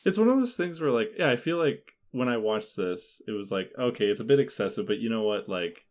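A man's voice: medium pitch, expressive, brisk, a little mellow. A man chatting casually about a film on a podcast, rambling with many fillers and frequent laughter.

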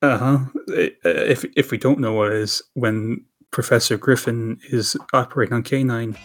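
A man's voice: mid-range voice, steady tone, normal speed, a bit bright. A man co-hosting a podcast in casual chat, rambling with frequent fillers and restarts. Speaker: podcast co-host.

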